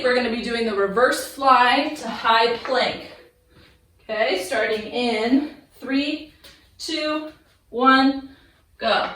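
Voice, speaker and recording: A woman's voice: high-pitched, fairly bright tone, slight background noise. A woman leading a workout class in fitness influencer style, giving instructional, encouraging cues and counts. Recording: echoey room, distant microphone.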